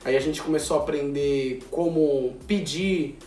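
A Brazilian man in his twenties telling a self-mocking anecdote in a casual, animated way, full of slang. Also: fairly high pitch, unhurried. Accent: Brazilian Portuguese. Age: 20s. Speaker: vlogger. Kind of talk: casual storytelling. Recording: roomy echo, distant mic, faint music.

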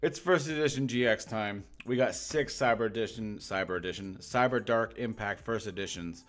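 A young man hosting a casual card pack-opening video, rambling and joking to himself and the cards, with loud bursts of excitement at big pulls. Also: fairly low pitch, normal speed. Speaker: YouTube host opening card packs.

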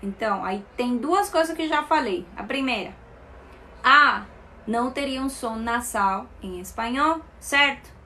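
A Colombian woman, a native Spanish speaker, runs a live language class. She talks slowly and patiently, repeating each word so students can copy it. Her voice sits a little higher than most women's. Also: animated, pushed and bright, a little hiss or hum. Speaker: Spanish teacher. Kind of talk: live online language lesson.

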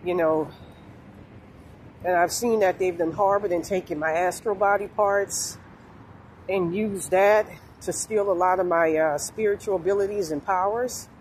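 Woman, 40s, halting rambling talk, phone at arm's length, outdoors, faint street noise. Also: lowish voice, steady tone, darkish tone, low-quality recording. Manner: meandering, halting, with frequent fillers and swearing. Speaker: vlogger. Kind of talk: rambling spiritual vlog. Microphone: phone held low at arm's length. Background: faint street noise and passing cars.

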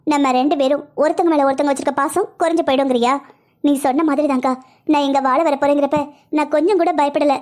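A woman's voice: high voice, lightly acted. A woman voicing a young wife and younger sister who speaks sweetly and consolingly in a cartoon family drama. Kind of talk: cartoon voice acting.

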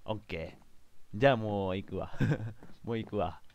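A man with a doing casual game commentary, rough and bossy, scolding and muttering to himself. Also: lowish voice, moderate pace, lo-fi sound. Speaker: game streamer. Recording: game video with loud background music.

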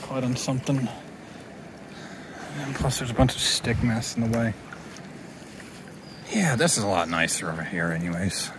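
A man's voice: mid-range voice, moderate pace, long pauses. Dude in a kayak talking to his camera, kinda rambly, outdoor noise in the back. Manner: relaxed, rambling, with frequent restarts and fillers. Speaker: vlogger. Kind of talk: casual outdoor vlog narration. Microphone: handheld camera.

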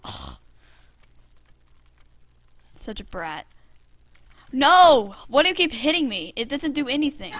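A young woman giving casual, excitable commentary while playing a video game with friends, often yelping and laughing. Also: sits high, takes it slowly, long pauses, background noise. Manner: excitable, frequent yelps and laughs. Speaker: gamer host.

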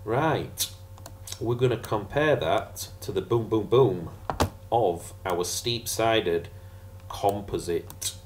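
A man's voice: lowish voice, slow pace, slight background noise. A man teaching a casual geography revision lesson over slides, chatty and jokey with sarcastic asides.

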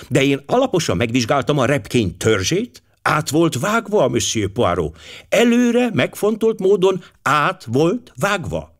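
Egy férfi által megszólaltatott aggódó amerikai anya. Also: male voice, mid-range voice. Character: anxious American mother, middle-aged woman.

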